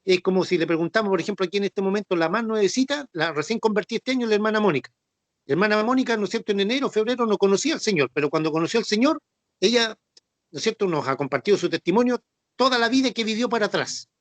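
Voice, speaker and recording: A man's voice: sits high, expressive, quick pace, dry recording. A man with a Chilean accent teaching a Bible study class. He explains verses patiently, poses quiz questions and keeps checking that his listeners follow. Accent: Chilean Spanish. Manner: patient and repetitive, with frequent "¿no es cierto?" and "ya" checks.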